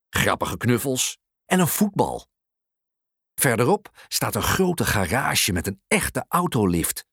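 Expressive children's story reader. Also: medium pitch, husky, no room sound, studio quality. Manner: expressive, with lively voices. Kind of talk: reading a children's story aloud.

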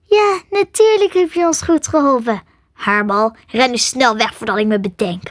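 A woman's voice: fairly high pitch, normal speed, dry recording, clean studio sound, close to an everyday voice. A woman voicing a hungry, sulky female dragon who growls and grumbles in a storybook reading.

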